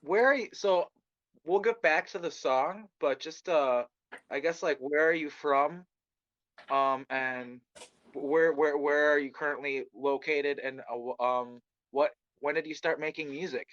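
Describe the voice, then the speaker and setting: A man's voice: a little high, a little slow, a bit bright, no room sound, highs cut off. A man hosting a podcast, asking questions in an upbeat, friendly casual interview. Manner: upbeat, friendly, hype intro. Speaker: podcast host.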